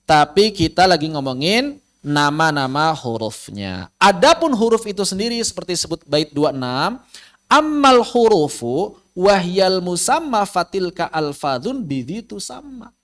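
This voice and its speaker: High-voiced man teaching tajwid. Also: sing-song, fairly bright tone. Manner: explains with repeated questions to students, drawn-out recited letters. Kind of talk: online recorded class lesson.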